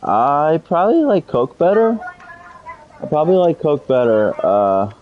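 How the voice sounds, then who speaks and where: A man's voice: fairly high pitch, big pitch swings, a little slow, phone-quality sound, a little hiss or hum. A man in his thirties streaming a game, chatting loosely and cursing freely with his viewers. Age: 30s. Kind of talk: casual live-stream chat.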